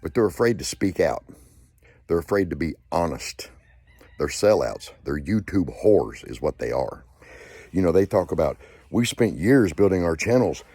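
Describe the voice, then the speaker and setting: Angry low-voiced man ranting. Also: expressive, moderate pace, warm tone, breathy edge, no echo. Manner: angry, profane, repetitive ranting. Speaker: channel host. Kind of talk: angry rant to camera.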